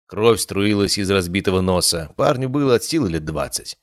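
A male narrator telling a first-person fantasy tale. His voice sits low and even, measured in pace. The recording is close and dry, with no room sound. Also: dry recording. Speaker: audiobook narrator.

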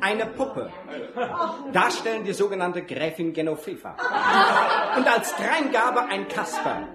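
A man playing an auctioneer in an audio drama, calling out lots and bids to the crowd in drawn-out phrases. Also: high-pitched, big pitch swings, heavy background noise. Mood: showy, selling. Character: auctioneer crying puppets for sale to a crowd. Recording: echoey room with loud crowd laughter.

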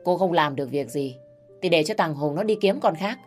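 A woman's voice: low-pitched, animated, a little fast, darkish tone, faint music behind. A woman voicing a nagging, bitter middle-aged mother-in-law who scolds and accuses. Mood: scolding.

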